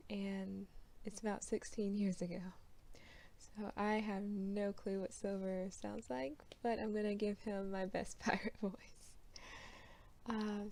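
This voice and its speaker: A young woman with a gravelly, slightly creaky voice reads fanfiction aloud. Her tone is mellow and her manner casual and chatty. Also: medium pitch. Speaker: fanfiction reader.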